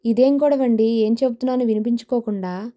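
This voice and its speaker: A woman's voice: fairly high pitch, fairly quick, natural voice. A woman voicing a fussy, irritated middle-aged mother who talks in complaints. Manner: complaining, sharp-tongued.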